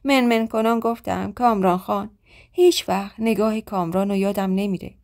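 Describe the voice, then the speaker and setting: A woman's voice: medium pitch, a little mellow. A woman storyteller narrating a true-life tale in the first person, with a dramatic, emotional reading.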